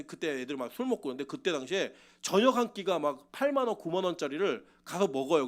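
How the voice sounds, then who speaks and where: A man preaching a sermon as pastor, swinging between loud exhortation and quiet personal storytelling. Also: high voice.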